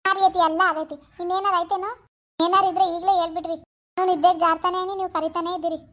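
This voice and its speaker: Woman as tired young daughter-in-law, polite, weary, high voice, cartoon. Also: little pitch movement, rapid-fire, fairly bright tone. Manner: polite, listing chores, weary.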